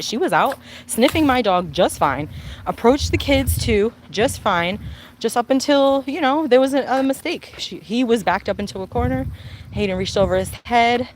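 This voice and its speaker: A woman's voice: mid-range voice, slight background noise. A woman chatting casually on a live stream while walking her dog outdoors, rambling and answering viewer comments. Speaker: vlogger and mother.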